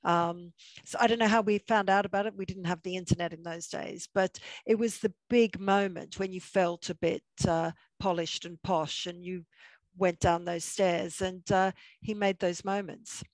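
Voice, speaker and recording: A woman shares a chatty story on a panel. Her voice sits a little low. The recording is very dry, with no room sound. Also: fairly even intonation, normal speed, dry recording, poor audio. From Australia. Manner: chatty, anecdotal. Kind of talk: panel discussion.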